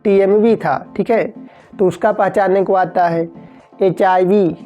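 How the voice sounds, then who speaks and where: A woman's voice: mid-range voice, steady tone, a little slow, dull audio, faint music behind. A woman science teacher going through multiple-choice exam questions, repeating key terms, asking her students questions and often saying "theek hai".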